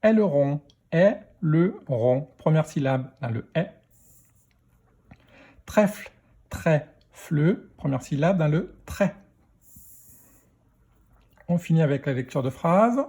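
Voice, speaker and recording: A man teaching a children's reading lesson, slowly sounding out letters and syllables one by one. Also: a little high, lively intonation, warm tone. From France. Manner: slow, spelling out sounds letter by letter.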